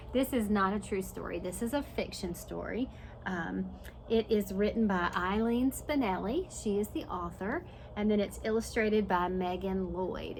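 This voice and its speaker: With slight background noise behind her medium-pitched voice, a woman teaching preschool dramatizes a picture book as she reads. She breaks off for simple explanations aimed at little kids.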